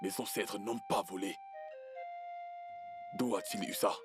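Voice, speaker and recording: Very low voice, a guy voicing a husband pleading and blaming his wife, film music behind. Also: steady tone, a little slow, lightly acted. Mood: reproachful. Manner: pleading, reproachful. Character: anxious, proud family man accusing his wife. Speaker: character in a dubbed film. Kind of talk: French film dub. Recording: film score playing behind.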